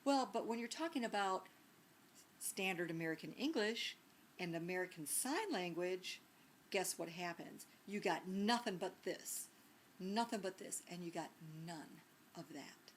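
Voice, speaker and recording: A woman teacher delivers a recorded lecture conversationally, her lowish voice animated and unhurried. She uses many ums and restarts and often poses rhetorical questions. There's a slight hiss or hum in the audio.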